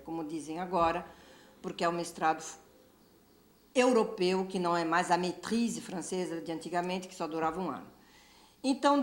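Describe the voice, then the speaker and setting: A woman from Brazil with a Brazilian Portuguese accent, giving a measured, reflective testimony as a literature professor and pausing often with fillers. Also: on the low side. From Brazil, São Paulo. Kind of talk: recorded testimony, speaking to camera. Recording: echoey room.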